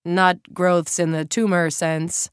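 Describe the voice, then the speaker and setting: Jittery anonymous orderly, halting and casual, read by a woman narrator. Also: on the low side, level tone, smooth, no echo, studio quality. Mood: uneasy. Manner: hesitant, clipped, casual speech. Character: nervous male hospital orderly, anonymous.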